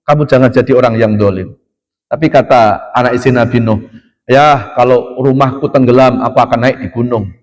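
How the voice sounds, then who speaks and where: A man preaching in a mosque, chatting with his listeners, often asking them questions and slowly chanting Quran verses. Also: mid-range voice, darkish tone. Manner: conversational, addresses audience as "Pak", asks and answers questions. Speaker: Islamic preacher. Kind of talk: mosque study sermon. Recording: long hall reverb.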